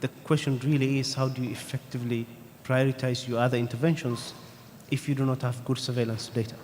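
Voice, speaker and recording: A man on a conference panel answering audience questions in a measured, thoughtful way, pausing with "um" between points. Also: mid-range voice, level tone, a little mellow. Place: conference hall. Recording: reverberant conference hall, faint room noise.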